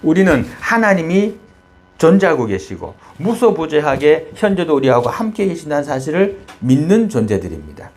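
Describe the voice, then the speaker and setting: A male pastor delivers a sermon with a lively, swinging pitch, moving between quiet, low stretches and bright, raised exclamations. He tells a story with rhetorical questions, and faint music plays underneath. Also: moderate pace.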